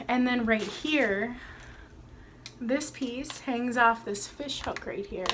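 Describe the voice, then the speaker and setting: Young woman vlogging at home, slow gushy talk, bit higher voice, faint room noise. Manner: gushing, excitable, breathy exclamations. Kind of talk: casual home vlog, unboxing. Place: at home, indoors.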